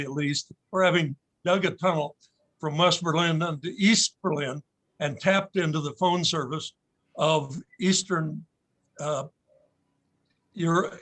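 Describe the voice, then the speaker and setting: Older male guest, anecdotal storyteller, measured delivery, slightly high register, slow pace. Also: a bit bright, poor audio. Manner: unhurried, measured storytelling with pauses. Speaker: audience member telling a story.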